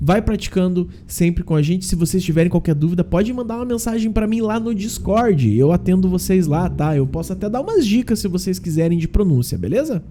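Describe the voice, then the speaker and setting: A man teaching a relaxed online lesson in a lively, animated voice. His tone is deep and mellow. He explains step by step and keeps checking that listeners follow. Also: a little hiss or hum. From Brazil. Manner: explains slowly, drills pronunciation, asks "né?" and "tá?". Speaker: English teacher.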